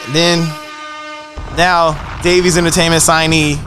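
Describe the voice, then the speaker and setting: A man's voice: fairly high pitch, flat delivery, a little slow, over music. A man hosting a casual podcast interview, upbeat and hyping up his guests. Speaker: podcast host.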